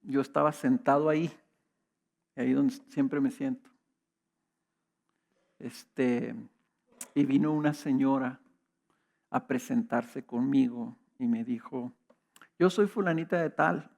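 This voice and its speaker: A man's voice: mid-range voice, slow pace, creaky, long pauses, a little mellow. A middle-aged man preaching a sermon, telling personal stories in a conversational way with rhetorical questions. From Mexico. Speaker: pastor.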